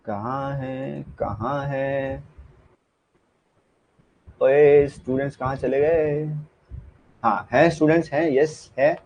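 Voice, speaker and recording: A man's voice: medium pitch, fairly even intonation, takes it slowly, long pauses. A man teaching shorthand in a live online class, talking casually and often checking that students understand. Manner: chatty, repeats "ठीक है" and asks students if they understood. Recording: dull lo-fi sound.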